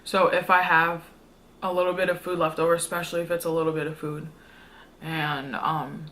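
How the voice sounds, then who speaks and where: A woman's voice: on the low side, level tone, moderate pace, a bit bright. A young woman chatting casually to her viewers as a food vlogger, in an informal, slangy, rambling way. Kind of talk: casual mukbang chat to viewers.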